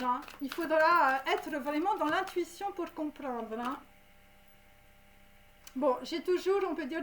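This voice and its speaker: Woman, high voice, rambling tarot reading, lots of fillers and "hein". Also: fairly bright tone, a little hiss or hum. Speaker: tarot card reader. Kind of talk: casual tarot reading to camera.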